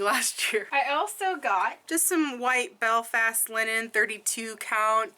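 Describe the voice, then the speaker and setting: A woman's voice: a little high, pushed and bright. A woman chatting casually in a crafting vlog, rambling and correcting herself as she goes. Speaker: cross-stitch vlogger. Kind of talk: casual chat.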